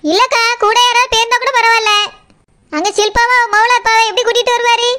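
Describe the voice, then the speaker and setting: A very high, bright cartoon voice of a worried young wife, put on by a woman. She frets quickly in a Tirunelveli accent. The voice is thin and sharp. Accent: Tirunelveli Tamil. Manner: anxious, fast, fretful. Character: worried young village wife, anxious about husband.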